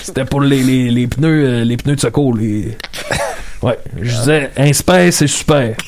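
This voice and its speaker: A man's voice: medium pitch, a little slow, darkish tone, close to an everyday voice. A man voicing a toothless, rambling, forgetful old comedian of about ninety with a Quebec French accent, in improvised interview comedy. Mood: proud reminiscing. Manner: rambling, hesitant, repeats phrases. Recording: clearly noisy background with clicks.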